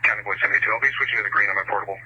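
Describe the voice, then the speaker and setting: A man's voice: fairly low pitch, fairly even intonation, racing. A man radioing in as an emergency responder, with terse, clipped call-ins over a two-way radio. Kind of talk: ambulance and police radio traffic. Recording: muffled two-way radio, faint noise.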